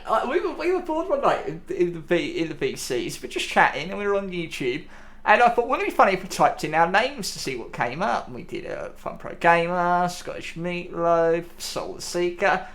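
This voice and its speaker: A woman hosting a casual podcast chat, chatty and giggly. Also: lowish voice. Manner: chatty, giggly, animated intonation. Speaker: podcast host.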